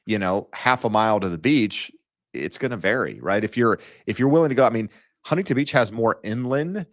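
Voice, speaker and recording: Low-voiced man, rambling casual host. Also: animated, a little fast, no echo, studio quality. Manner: loose, rambling with many fillers and restarts. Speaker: real estate show host. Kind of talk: casual market talk.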